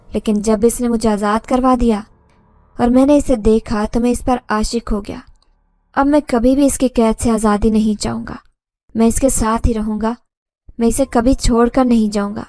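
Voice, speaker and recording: Possessive male jinn, voiced by a woman narrator: heavy, defiant, mellow tone. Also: on the high side, no echo, natural voice.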